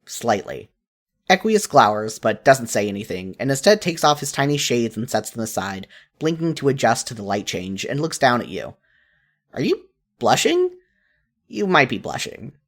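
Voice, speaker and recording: This is a fan fiction audiobook style reading: a narrator expressively voices a story addressed to "you," at a medium pitch.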